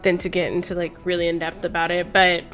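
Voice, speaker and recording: Brisk and fairly bright, a woman in her 30s with a lowish voice and little pitch movement hosts a chat stream, telling informal personal stories full of tangents and swearing over background music.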